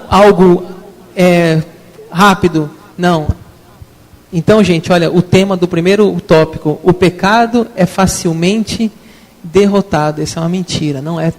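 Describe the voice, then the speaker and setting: A man with a Brazilian Portuguese accent teaching an evening theology class. He talks conversationally and keeps asking his listeners questions. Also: high voice. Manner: conversational, asks the class questions, frequent tag questions. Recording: long hall reverb.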